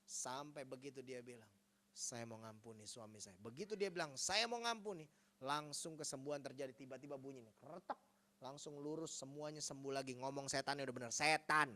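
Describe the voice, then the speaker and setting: Man pastor, bright voice, preaching with acted-out dialogue, hushed then loud. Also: mid-range voice, fairly even intonation, brisk. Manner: storytelling, acting out dialogue, swings from hushed to loud. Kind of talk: sermon.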